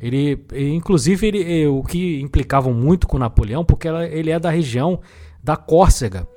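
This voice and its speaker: This film podcast host, who has a Brazilian accent, sounds fairly high and mellow, with lively intonation and a fairly quick pace. Music plays behind his casual, opinionated and explanatory movie review talk.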